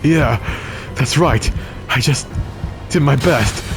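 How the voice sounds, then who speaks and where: A man voicing an exhausted, furious middle-aged man who yells and curses bitterly. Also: medium pitch, slow pace, music in the background, pitched above the performer's own voice. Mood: enraged. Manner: yelling, cursing and bitter.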